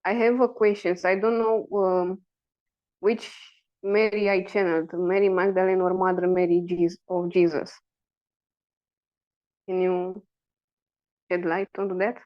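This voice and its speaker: A woman asking personal questions as a client in a guidance session, halting and searching for words. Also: fairly low pitch, level tone, dull audio.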